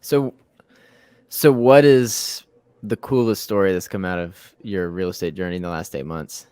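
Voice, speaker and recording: A young host of twenty-two speaks in a lowish voice, with a dry, close sound and no room echo. His talk is loose and conversational. He repeats words and drops in "you know" and "bro.". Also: fairly even intonation, normal speed, a little mellow, clean tone. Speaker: podcast host. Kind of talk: casual podcast interview.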